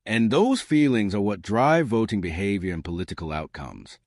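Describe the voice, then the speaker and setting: A man with a low voice narrates scripted political commentary, swinging his pitch widely for drama. He sounds emphatic and scornful, and the recording is close and dry with no room sound. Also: expressive, moderate pace, a little mellow, no echo.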